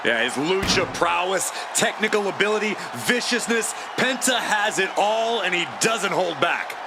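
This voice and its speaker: A man's voice: high voice, animated, normal speed. A man giving color commentary on a wrestling match. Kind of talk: sports commentary. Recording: clear crowd noise behind.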